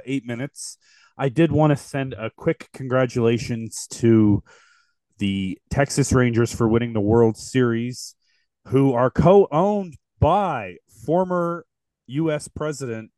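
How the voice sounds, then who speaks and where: A man hosting a casual political podcast, speaking haltingly and repeating words as he searches for them. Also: mid-range voice, mellow, no room sound. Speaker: podcast host.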